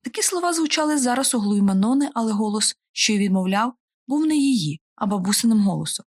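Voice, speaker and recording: A woman reading a fantasy audiobook aloud in a steady, measured storytelling way. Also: on the high side. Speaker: audiobook narrator. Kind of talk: audiobook narration.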